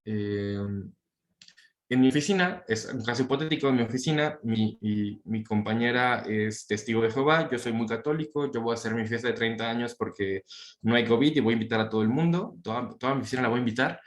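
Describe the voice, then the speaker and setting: A man's voice: mid-range voice, a little fast. A young man lectures a class in an informal, talkative way, often stopping on fillers and tag questions. His voice sits in a middle register. The sound carries noticeable room echo. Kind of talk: university talk on inclusive language.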